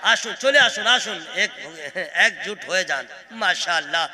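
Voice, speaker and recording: High, bright-voiced playful male preacher. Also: expressive, unhurried. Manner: playful, laughing, coaxing the crowd; mixes in Bengali phrases. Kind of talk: jalsa sermon with sung verses. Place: open-air religious gathering.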